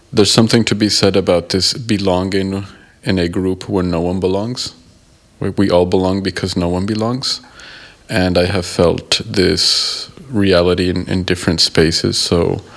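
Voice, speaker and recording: A man from the United States, a guest in an interview, answering in a thoughtful, measured way and pausing to rephrase. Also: sits low, creaky. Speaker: guest, member of an art collective.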